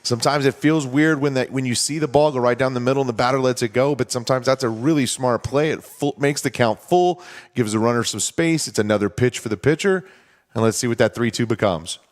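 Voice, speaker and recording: A male baseball announcer with a mid-range voice, calling each pitch in an even, conversational way. Between plays he explains the strategy, keeping a relaxed, steady flow. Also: fairly quick. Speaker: play-by-play announcer. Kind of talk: baseball commentary.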